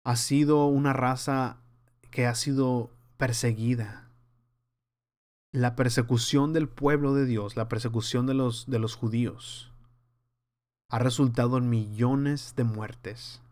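A man's voice: medium pitch, slow. A man teaching a verse-by-verse Bible study, earnest and conversational, warning his listeners in a preaching tone. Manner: acts out scenes in lively voices.

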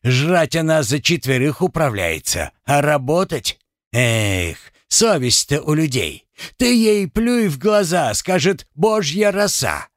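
A man's voice: fairly high pitch, big pitch swings, slow, dry recording, clean studio sound, voice pushed up. A man reading an audiobook, voicing a scornful, grumbling old father-in-law over 60.

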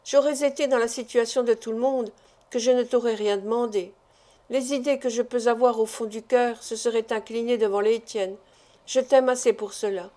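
A woman's voice: fairly high pitch, fairly even intonation, moderate pace, dark tone, lightly acted. A woman reading an audiobook, voicing a timid, loving young fiancée who pleads with hesitation and embarrassment. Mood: pleading.

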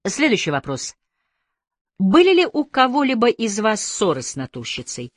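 A woman's voice: medium pitch, wildly swooping pitch, normal speed, no echo, voice pushed up. A woman voicing a polite but firm male detective questioning suspects, in an audiobook.

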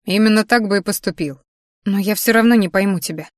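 A woman voicing a calm adult man who soothes and teases his young girlfriend in an audiobook. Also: medium pitch, brisk, dry recording, clean studio sound, natural voice. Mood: soothing. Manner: soothing and teasing. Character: calm grown man, tender boyfriend.

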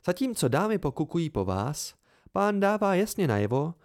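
A teasing young woman, as a male reader puts her on in an amateur audiobook. Her lines rise higher than the reader's own voice and swing widely in pitch. The tone stays playful and lilting. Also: big pitch swings, a little mellow.

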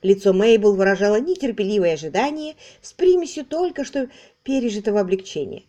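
A woman narrating an audiobook novel in a calm, even reading voice. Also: medium pitch, brisk, lo-fi sound. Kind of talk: scripted narration.

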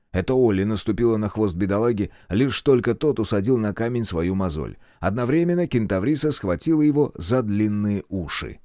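A man narrating a first-person story in an animated storytelling manner. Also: medium pitch, no room sound, studio quality. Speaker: audiobook narrator.

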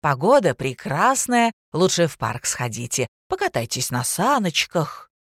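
A woman's voice: deep voice, very animated, a little slow, fairly bright tone, slightly rough, dry recording, clean studio sound, heavily acted. A woman doing a fussy old schoolteacher. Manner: prim, lecturing, gushing. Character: fussy excitable elderly female literature teacher. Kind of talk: audiobook character voice.

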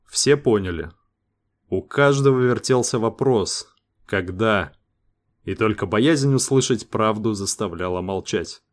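A man narrates a science-fiction story in a measured, even reading voice. His voice sits low, and his pace is unhurried. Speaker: audiobook narrator.

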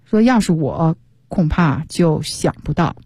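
A woman's voice: sits low, animated, measured pace, mellow, slightly rough, no room sound, clean studio sound. A woman teaching English on the radio, explaining step by step in a patient way. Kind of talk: bilingual radio language lesson.

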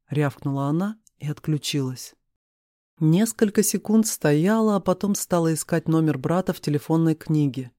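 An audiobook narrator giving an expressive, steady first-person reading of a romance novel. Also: mid-range voice, no echo, clean studio sound.

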